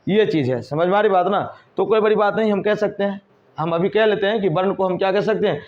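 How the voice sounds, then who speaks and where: High-voiced man teaching grammar, lo-fi. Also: fast talker, darkish tone. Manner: repeats questions to the class and answers them himself. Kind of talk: whiteboard grammar lesson. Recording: dull lo-fi recording.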